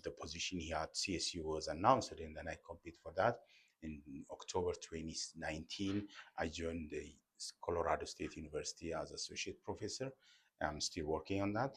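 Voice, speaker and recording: A middle-aged man from Ethiopia, a professor explaining embryo research in an interview, careful and halting with many fillers and repeated words. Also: a bass voice, breathy edge.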